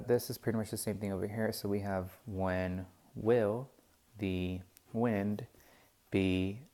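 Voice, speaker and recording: A young man with a lowish voice talks slowly through a poem's meter. He hesitates, restarts sentences and keeps admitting confusion, like a student presenting homework. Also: darkish tone. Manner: hesitant, many fillers and restarts, self-doubting. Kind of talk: classroom walkthrough of poem scansion.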